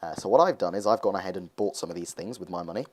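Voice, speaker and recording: A man's voice: low voice, racing, darkish tone. A young man talking casually over gameplay footage, rambling with lots of hesitations as he hosts his gaming video.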